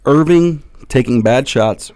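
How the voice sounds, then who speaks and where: A man on a sports podcast keeps insisting that he was right. His voice is mid-pitched and plain. The sound is dry and close. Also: slow pace, warm tone, no room sound. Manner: argumentative, insistent. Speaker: podcast co-host. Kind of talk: casual sports debate.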